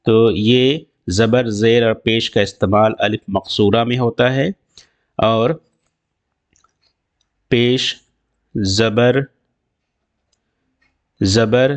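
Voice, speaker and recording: A man teaching an Urdu grammar lesson, explaining slowly and repeating himself with restarts, with an Indian Urdu accent. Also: mid-range voice. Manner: slow, repetitive explaining with restarts.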